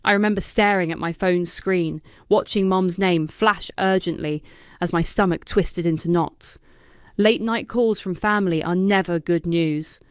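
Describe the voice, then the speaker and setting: Perempuan narator cerita yang jernih dan kering. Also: female voice, fairly low pitch, a little slow, clean tone, dry recording, studio quality. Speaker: story narrator. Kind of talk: scripted first-person narration.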